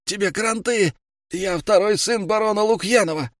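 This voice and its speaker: A man's voice: high voice, normal speed, no echo, clean studio sound, pitched above the performer's own voice, lightly acted. A man voicing an arrogant, hot-tempered teenage boy bully who snarls and hisses threats. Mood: furious.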